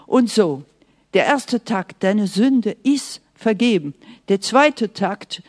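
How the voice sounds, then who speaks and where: Woman preacher, sermon, emphatic, earnest, soft hushed asides, talks straight to the listener. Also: medium pitch. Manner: speaks directly to the listener, often asking "Okay?".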